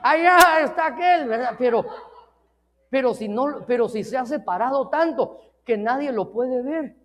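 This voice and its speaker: A man's voice: very high-pitched, normal speed, a little mellow. A man preaching an informal sermon in earnest tones, repeating himself and often calling listeners brother, with joking asides. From Mexico. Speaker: pastor. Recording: long reverb of a large hall.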